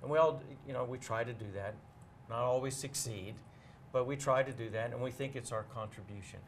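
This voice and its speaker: A man appears as a bookseller guest in a casual interview, speaking at a medium pitch. He explains things in a measured way, pausing to pick his words, with slight background noise in the recording.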